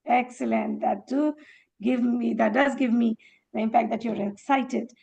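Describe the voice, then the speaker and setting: Gravelly higher-voiced woman leading a workshop. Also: fairly even intonation, measured pace, dark tone. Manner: encouraging, calls on participants by name; demonstrates tones by acting out phrases. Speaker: workshop educator. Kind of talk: interactive speaking workshop.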